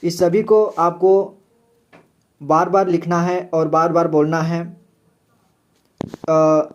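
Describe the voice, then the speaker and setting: A man teaching the Hindi alphabet in a slow, patient way, repeating each letter and its example word. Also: on the high side, little pitch movement, highs cut off. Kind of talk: slow step-by-step alphabet lesson.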